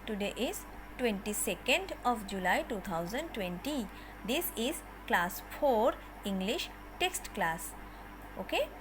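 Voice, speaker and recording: A woman teacher gives an online class. She speaks slowly, repeats words and spells letters out loud. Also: fairly high pitch, noisy background. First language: Bengali. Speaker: school English teacher.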